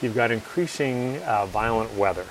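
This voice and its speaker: A man with a slightly low voice talks in an interview with confident, emphatic delivery, hammering his points home through repetition. A faint hiss runs under the recording. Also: moderate pace, low-quality recording. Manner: confident, emphatic, repeats key phrases. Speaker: author and guest. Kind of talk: conversational interview.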